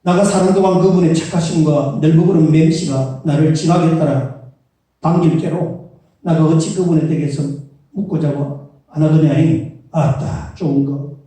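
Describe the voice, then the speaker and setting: A man's voice: on the high side, fairly even intonation, normal speed, warm tone, recorded from a distance, natural voice. A man putting on a folksy Jeolla-dialect voice, drawling and exclamatory, recorded in an echoey church hall. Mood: exuberant. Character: boisterous man from the southwest, folksy.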